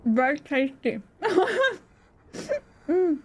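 Her voice is high and very slow, with big swings in pitch. She's a streamer chatting casually with her audience while gaming and snacking, talking as she eats and laughing often.

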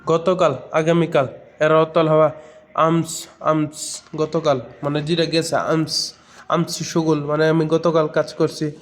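A man from Bangladesh with a slightly high-pitched voice, teaching words casually. He says each word more than once and explains it in plain terms. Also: flat delivery, takes it slowly. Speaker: language teacher. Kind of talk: casual vocabulary lesson.

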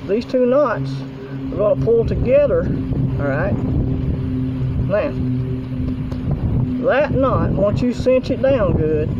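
A middle-aged man, casually demonstrating knots outdoors in a folksy, rambling way while filming on a handheld phone. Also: high voice. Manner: folksy, rambling, talks while working with his hands. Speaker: outdoors vlogger. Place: outdoors in a yard. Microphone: handheld phone camera. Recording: dull lo-fi phone audio, faint outdoor noise.

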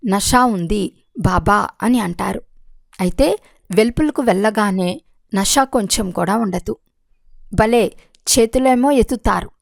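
A woman reading a religious discourse aloud in a steady, measured way. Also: medium pitch, vocal fry, no echo. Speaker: reader of a spiritual discourse.

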